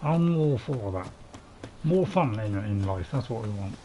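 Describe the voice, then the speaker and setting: A man's voice: fairly low pitch, animated, a little slow, dark tone, muffled recording, a little hiss or hum. A man giving rambling, casual commentary as he plays a video game. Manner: rambling, chuckling asides. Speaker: gamer recording a playthrough.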